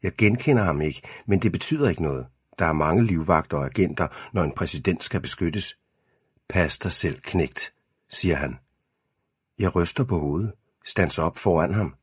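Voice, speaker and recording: A man narrates an audiobook in a steady, measured way. His voice sits very low and has a husky edge. The recording is close and dry, with no room sound. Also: no echo. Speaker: audiobook reader. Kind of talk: scripted first-person audiobook narration.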